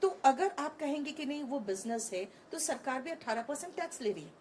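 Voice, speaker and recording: A woman's voice: high voice, lively intonation, brisk, a little mellow, a little hiss or hum. A woman in her thirties, an online English teacher, talking frankly and animatedly in an interview on a conference stage, mixing Hindi with English.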